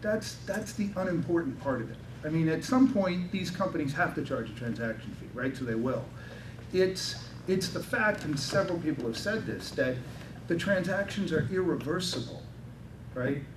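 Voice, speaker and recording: A man's voice: fairly high pitch, animated, moderate pace. A man speaking as a conference panelist, emphatic and often ending points with a tag question. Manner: emphatic, seeks agreement with repeated tag questions. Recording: distant echoey hall with noise.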